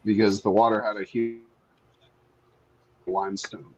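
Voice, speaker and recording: Low flat-voiced man over a glitchy call line that keeps cutting out, husky and halting. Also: lo-fi sound. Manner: halting, restarts mid-sentence. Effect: choppy call audio that cuts out. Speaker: remote guest on a call. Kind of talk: casual chat. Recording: online call connection dropping out.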